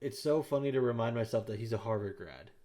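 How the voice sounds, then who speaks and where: A man co-hosting a casual sports podcast, jokey and quick to laugh. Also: medium pitch, mellow. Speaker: podcast co-host.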